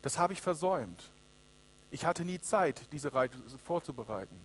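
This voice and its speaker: A man voicing an old dying king who is weary and regretful, speaking low and quietly. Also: expressive, normal speed, natural voice. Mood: sorrowful. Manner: low, quiet, sorrowful delivery.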